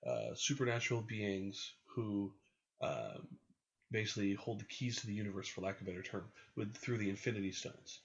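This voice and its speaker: A man's voice: fairly low pitch, moderate pace. A man co-hosting a podcast, talking casually and often hedging and correcting himself. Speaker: podcast co-host. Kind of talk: casual chat. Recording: dull lo-fi recording.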